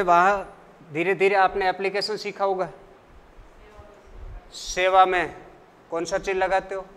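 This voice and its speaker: A man teaching a lesson, asking the class questions and answering them himself in a slow, deliberate way. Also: sits high, a bit bright, smooth, big-room sound. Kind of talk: classroom lecture.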